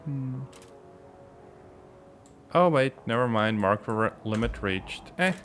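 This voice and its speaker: A man's voice: medium pitch, lively intonation, slow, a bit bright. A man streaming a game, thinking aloud in casual commentary with mild grumbles, game music playing behind. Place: home streaming setup.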